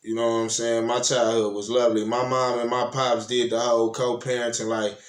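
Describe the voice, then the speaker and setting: A man's voice: medium pitch, little pitch movement, fairly quick. A man from Toledo, Ohio, hosting his own show and casually telling stories from his life, rambling and laid-back, often checking in with the listener. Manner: rambling and laid-back, often adds "you know what I'm saying". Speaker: host. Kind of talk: casual personal storytelling. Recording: roomy echo.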